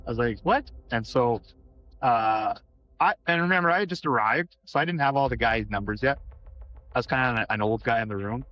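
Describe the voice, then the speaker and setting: A man's voice: mid-range voice, fairly quick, no room sound. A middle-aged man from Manitoba, a former pro hockey player, telling rambling stories in a casual interview, with restarts and bits of acted-out dialogue. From Manitoba, Canada. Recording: slightly dull audio with faint music.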